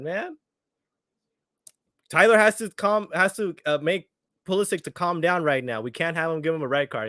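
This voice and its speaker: A man hosts a live soccer watchalong, reacting excitably to every moment and slipping into when he gets emotional. His voice sits fairly high. The sound is dry and close to the mic, with no room echo. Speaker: watchalong host. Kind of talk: live match commentary to viewers.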